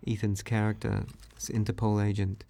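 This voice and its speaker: Low, gravelly male director, flat delivery, for a relaxed DVD commentary. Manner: relaxed, measured, with frequent ums and uhs. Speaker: film director giving commentary.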